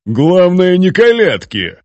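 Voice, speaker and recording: A man's voice: sits high, very animated, slow pace, darkish tone, dry recording, muffled recording, voice pushed up, full character voice. A male narrator voicing a crude, blustering old KGB general who barks orders in an audiobook. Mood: boisterous. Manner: barking, commanding, coarse.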